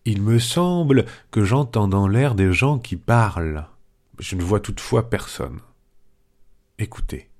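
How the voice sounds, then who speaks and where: A man's voice: on the low side, animated, a little slow, darkish tone. A man voicing a commanding giant male leader, grave and solemn in a dramatic reading.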